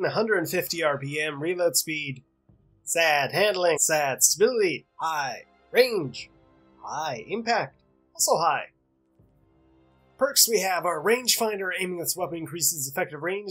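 A man's voice: a little high, animated, unhurried, fairly bright tone, husky, faint music behind. Stuffy-nosed man chatting over gameplay. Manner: chatty, joking, talks to the game. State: stuffy nose. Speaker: gaming YouTuber. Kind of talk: casual gameplay commentary.

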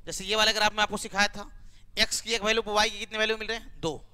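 A man's voice: high voice, flat delivery, quick pace, pushed and bright, clean tone. A man teaching a maths class, coaxing students to answer with repeated rhetorical questions and homely examples.

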